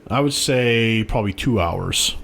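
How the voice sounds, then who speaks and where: A man's voice: fairly low pitch, lively intonation, unhurried, vocal fry, fairly bright tone. A man co-hosting a radio show, trading playful jokes in casual banter. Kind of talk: casual chat.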